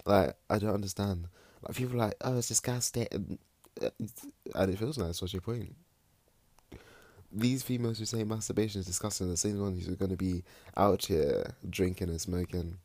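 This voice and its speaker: A man's voice: low-pitched, normal speed, a little mellow, no room sound. A young man, hosting a podcast in a cheeky, rambling monologue, his voice still groggy from the morning. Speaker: podcast host.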